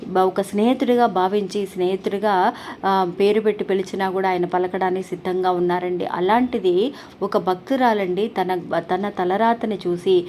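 A woman's voice: mid-range voice, fairly even intonation, normal speed, darkish tone, a little hiss or hum. A woman hosting a devotional channel, telling a story in an earnest, polite way with frequent restarts.

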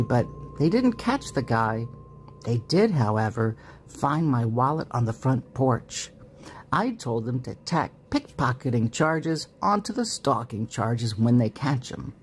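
A woman reading a story aloud in a dramatic, expressive way. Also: extremely low pitch. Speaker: story narrator.

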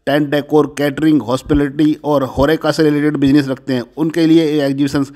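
A man narrating an event preview in a steady, informative way, listing details one after another. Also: fairly high pitch, a little fast. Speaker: vlogger. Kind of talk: promotional voice-over.

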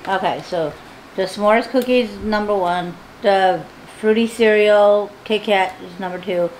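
A woman of middle pitch co-hosts a casual home video. She chats playfully and teases her partner. A clear background noise sits under the recording. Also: measured pace, low-quality recording. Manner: playful and teasing. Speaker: co-host. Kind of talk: casual chat.

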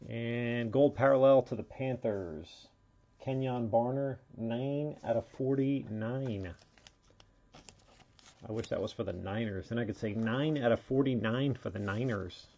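A man hosts a live trading card break, calling out player names and serial numbers casually as he opens packs. He has a medium-pitched, warm voice and an unhurried pace, though the lo-fi recording sounds dull.

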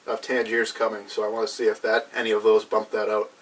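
A young man in a casual review chat, halting and searching for words as he goes. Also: lowish voice, completely flat delivery. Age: young adult. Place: small cluttered indoor room with brick wall. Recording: distant mic, background noise.

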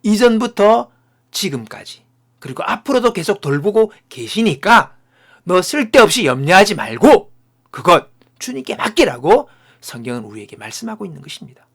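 A man preaching a sermon as a pastor and closing in prayer, speaking in short emphatic phrases and dropping into hushed whispers. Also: high voice, big pitch swings. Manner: swings from loud declarations to hushed whispers; slow, emphatic phrasing broken into short pieces.

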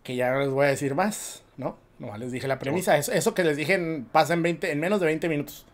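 A man's voice: on the high side, fast talker. A man with a Mexican Spanish accent co-hosting a casual film podcast, full of slang and swearing as he retells a story. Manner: slangy, profane, animated storytelling. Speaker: podcast co-host.

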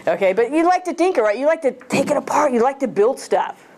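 This woman in her fifties is a guest speaker, joking casually with a club audience in a small lecture room. She speaks into a handheld mic and frequently asks the room questions. Her high voice is very animated and quick, with a darkish tone.

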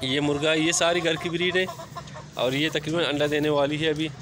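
A man's voice: a little high, level tone, moderate pace. A man gives a casual, chatty walk-through of his rooftop yard, often repeating filler phrases. He films on a handheld phone camera outdoors. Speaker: poultry vlogger. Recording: outdoor ambient noise.

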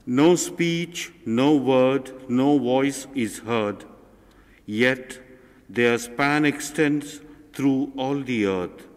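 A man serving as lector, reading scripture and the psalm at Mass in a slow, solemn way, with cathedral echo around his voice. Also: medium pitch. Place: large church. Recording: long church reverb.

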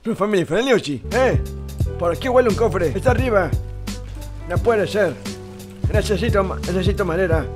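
A man's voice: sits high, moderate pace, pauses often, close to an everyday voice. A man with a Mexican accent putting on a doddering, rambling, boastful old grandfather voice while commenting on a video game, easily confused and breaking into yelps. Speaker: gaming YouTuber. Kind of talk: comedic gameplay commentary in character. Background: background music.

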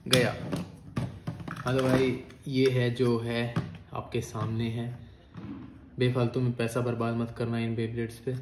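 Chatty excitable young man in an echoey room. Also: medium pitch, unhurried, long pauses. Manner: chatty, excitable, calls viewers "bhai" and "guys". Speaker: YouTuber. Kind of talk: casual unboxing and battle commentary. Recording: echoey room with loud noise.

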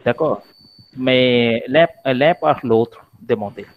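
A man's voice: mid-range voice, slow pace, slight background noise. A man moderating a webinar, speaking in short polite interjections to the participants. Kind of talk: moderating a video call. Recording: dull, dry video-call audio.

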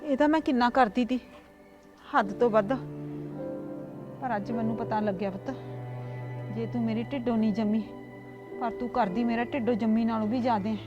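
An actress playing a nagging stepmother in a village comedy sketch, shrill and complaining. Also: fairly even intonation, normal speed, pauses often, muffled recording, music in the background, natural voice. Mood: remorseful. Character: nagging middle-aged stepmother who later repents. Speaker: actress in a short comedy film.

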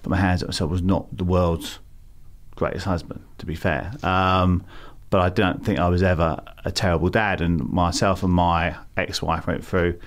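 This middle-aged English guest, a campaign founder with a London accent, works through interview questions amid many fillers and restarts. He has a low-pitched voice with little pitch movement and talks at normal speed.

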